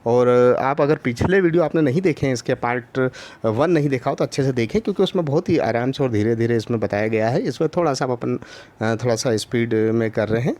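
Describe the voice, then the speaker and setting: A man teaching a Hindi lesson online to young children, patiently repeating each syllable, with many drawn-out filler pauses. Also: medium pitch, darkish tone, no echo. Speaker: primary school teacher.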